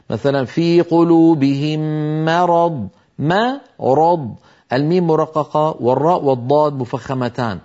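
A man's voice: mid-range voice, darkish tone. Man teaching Quran recitation, dull audio. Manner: explains carefully, slowly demonstrating pronunciations. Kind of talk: televised tajweed lesson.

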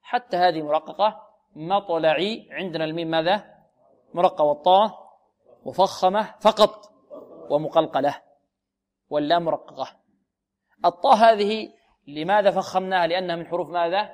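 Male recitation teacher with a high voice who drills pronunciation through questions and slow recited examples. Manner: explains and drills pronunciation, asks questions then answers them. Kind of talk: tajweed lesson with recited examples.

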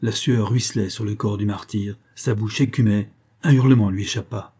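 A man narrating an adventure novel as an audiobook, in a measured, dramatic way. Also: fairly low pitch, steady tone, warm tone, breathy edge.

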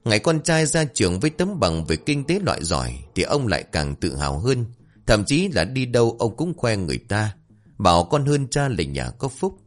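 A man narrating a dramatic story with an expressive, rising and falling delivery. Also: lowish voice, moderate pace.

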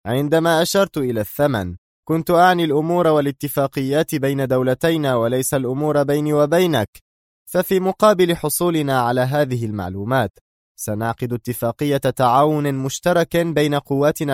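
A man voicing a cold, firm male intelligence agent in an audiobook, speaking curtly and deliberately. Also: fairly high pitch, dry recording, studio quality, voice pushed up, close to an everyday voice.

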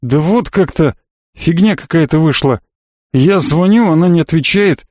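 A jittery, whining young man, played by a male reader, his voice pushed up high and trembling as he makes excuses. The tone is fretful and defensive, and the recording is close and dry. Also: lively intonation, moderate pace, a little mellow, no echo.

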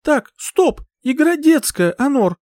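A man's voice: big pitch swings, slow pace, darkish tone, dry recording, studio quality, heavily acted. Maria, a man voicing an exasperated young heroine. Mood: bossy. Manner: shrill and exasperated. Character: young woman heroine, impatient, scrappy.

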